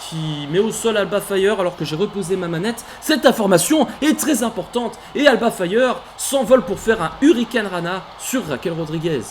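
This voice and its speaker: A man calling a wrestling video game match play by play, animated, bursting into shouts at big moves and stopping to correct himself. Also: high-pitched, moderate pace, hardly any pauses, slight background noise. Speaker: let's play commentator. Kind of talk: excited play-by-play game commentary.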